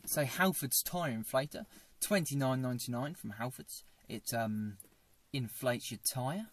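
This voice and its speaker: In this casual car tour vlog, a young man talks at an unhurried pace in a medium-pitched voice, showing a dashboard-mounted camera what he stores in his parked little car. He's dry, chatty and pokes fun at himself, with no room sound audible.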